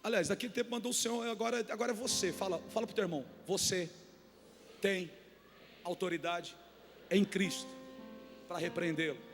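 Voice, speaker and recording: High-voiced Brazilian pastor preaching fiercely. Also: male voice, steady tone, a little fast, long pauses. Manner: fiery preaching, building to shouted repetitions; colloquial, folksy storytelling. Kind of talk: sermon. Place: church hall. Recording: reverberant church hall with faint music.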